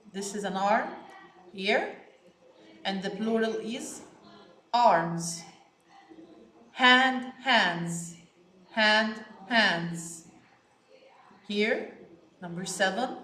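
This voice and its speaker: An Egyptian woman whose first language is Arabic teaches English vocabulary to children, repeating each word slowly and stressing it. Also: mid-range voice, a bit bright, roomy sound. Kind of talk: slow classroom vocabulary lesson.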